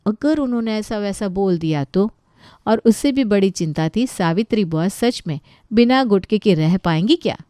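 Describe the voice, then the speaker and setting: A woman narrates an animated children's story in an even, scripted delivery. Her voice sits at a middle pitch and sounds dry and close to the mic. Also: normal speed, clear, resonant tone, no echo.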